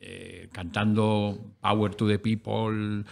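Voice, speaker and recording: A man's voice: on the low side, level tone, takes it slowly, creaky. A man, a guest on a casual podcast, telling wry stories with many restarts. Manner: ironic, rambling storyteller with frequent restarts.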